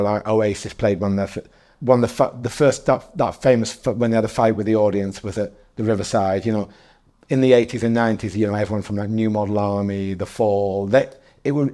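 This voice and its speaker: This North East English guest, a man in his forties, sounds mellow and fairly low-pitched, and he talks briskly. Throughout the relaxed interview he wanders off topic, fixes his own words, and laughs often.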